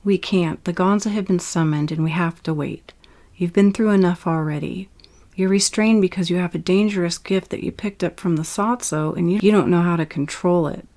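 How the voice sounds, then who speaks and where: A woman voicing a calm alien captor, who speaks in a reassuring way. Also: on the low side, normal speed, lightly acted.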